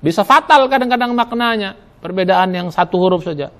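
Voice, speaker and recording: A man's voice: sits high, animated, a little fast, fairly bright tone. A man preaching a Ramadan sermon in a mosque, emphatic, spelling out Arabic letters and sounds, asking questions and answering them himself. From Indonesia. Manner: asks and answers his own questions.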